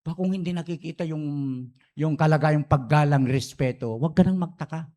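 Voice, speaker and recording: A man's voice: a little high, fairly quick, warm tone. A man preaching a sermon, telling a story and slipping between Tagalog and English phrases.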